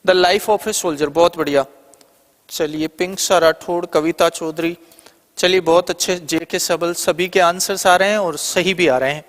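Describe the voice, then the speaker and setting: A man with an Indian accent teaches an online exam-prep lesson, explaining step by step and asking questions that he then answers himself. His voice is a little high and a bit bright, with fairly even intonation at normal speed, and the sound suggests a large hall.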